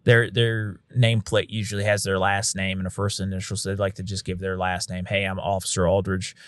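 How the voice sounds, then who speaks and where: Casting: male paramedic on a podcast, lowish voice, frank and casual, dry close sound. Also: flat delivery, fairly quick, dry recording. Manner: frank, conversational, uses occasional swearing; acts out quotes of what he'd say to patients. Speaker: paramedic and instructor.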